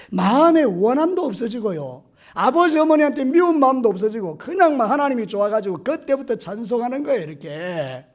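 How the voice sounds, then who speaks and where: Male pastor, high voice, very animated delivery, church sermon storytelling. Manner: animated storytelling with acted-out quotes. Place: church sanctuary.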